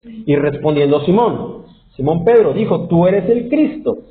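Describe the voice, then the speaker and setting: Guy preaching a bible lesson, kinda high voice, sounds like it's over a phone line. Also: lively intonation, measured pace, echoey room. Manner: reads scripture aloud and explains it, asks the audience questions; frequent fillers and self-corrections. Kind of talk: Bible teaching to a congregation. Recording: tinny phone-like audio.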